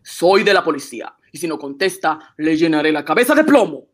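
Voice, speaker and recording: Angry, uneasy police inspector. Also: male voice, fairly high pitch, very animated, a little fast, a bit bright. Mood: threatening. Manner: barking demands, gasping unease. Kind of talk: radio drama acting.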